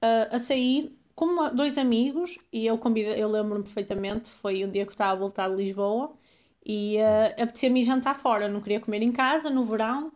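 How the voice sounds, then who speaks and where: A woman's voice: a little high, fairly even intonation, fairly quick, darkish tone. A woman from Portugal with a European Portuguese accent, a deaconess telling her story in a chatty way as an interview guest. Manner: chatty storyteller, laughs easily. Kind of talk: casual interview.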